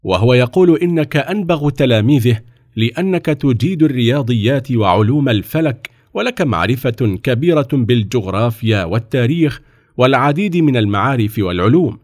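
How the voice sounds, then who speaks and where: A man's voice: medium pitch, animated, brisk, a little mellow, no echo, studio quality, close to an everyday voice. A man voicing a powerful, curious sultan in a storybook reading, speaking in a commanding, questioning way.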